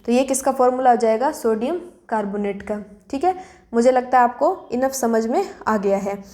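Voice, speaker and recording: A woman teaching a chemistry lesson. She poses questions and answers them herself, and she slows down to spell out formulas letter by letter. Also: a little high, mellow. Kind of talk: classroom lesson explanation.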